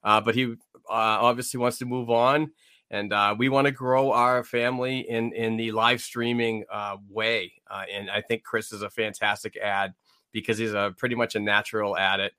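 A man's voice: fairly low pitch, level tone, normal speed, sharp tone, clear, resonant tone, no room sound. A man co-hosting a sports podcast in casual, conversational talk. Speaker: podcast co-host. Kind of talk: casual chat about hockey.

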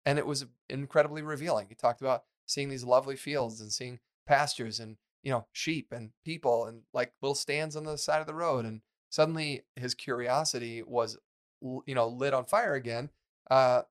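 A man's voice: medium pitch, normal speed. A man co-hosting a podcast, chatting casually and rambling, with many fillers and restarts. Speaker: podcast co-host.

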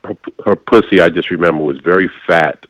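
A man in his forties telling his story as an interview guest, halting with many fillers and restarts. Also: low voice, a crowd in the background, rough recording. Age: 40s. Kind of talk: candid conversational storytelling.

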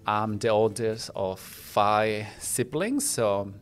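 A man from Chile, a native Spanish speaker with a Chilean accent, chatting warmly as a podcast guest and making small grammar slips. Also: fairly low pitch, takes it slowly, clear, resonant tone. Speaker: guest, international student. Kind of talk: casual personal storytelling.

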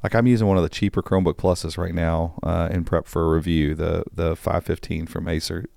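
A man co-hosting a casual tech podcast, relaxed and rambling as he thinks aloud. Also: sits low, fairly quick, creaky, dry recording, studio quality. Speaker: podcast co-host.

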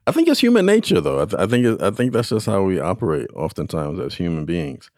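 Low-pitched man, dry close sound, conversational coaching, encouraging, deliberate repeats and pauses. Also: very animated, darkish tone, no room sound. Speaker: expert guest answering listener questions.

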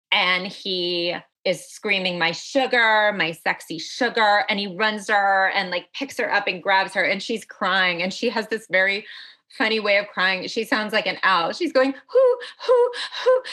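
A woman journalist being interviewed, telling a story in an animated, vivid way. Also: medium pitch. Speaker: journalist guest. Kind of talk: interview recounting.

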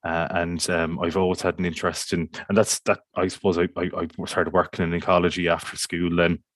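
Deep-voiced man with a west of Ireland accent. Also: level tone, brisk, a bit bright, no echo, clean studio sound. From County Mayo, Ireland. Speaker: podcast guest, community water officer. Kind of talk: casual interview talk.

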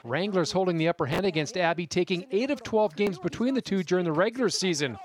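A man's voice: sits high, fast talker. A man narrating a scripted TV sports report.

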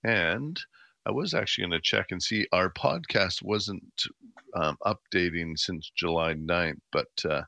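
Bright, dry-sounding man hosting a radio phone-in. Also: sits low, unhurried, vocal fry, no room sound. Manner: informal, folksy, rambling. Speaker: radio gardening phone-in host. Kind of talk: casual live call-in advice. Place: radio studio. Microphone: close studio microphone.

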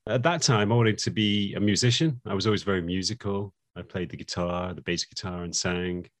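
Fast-talking man in his fifties. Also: deep voice, no room sound. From England. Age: 50s. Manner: reflective, rambling with fillers. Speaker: guest, psychology lecturer. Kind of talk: interview conversation.

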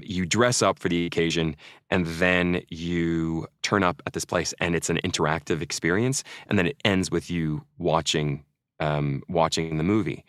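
A man's voice: sits low, no room sound, studio quality. A man in his forties from Norway, an actor guest chatting casually and telling self-mocking stories in an interview. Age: 40s.

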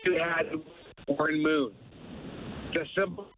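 A man's voice: on the high side, fairly even intonation, slow, faint music behind. Man on a garbled phone line breaking up. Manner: fragmented, words dropping out. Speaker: caller. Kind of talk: call-in sports radio chat.

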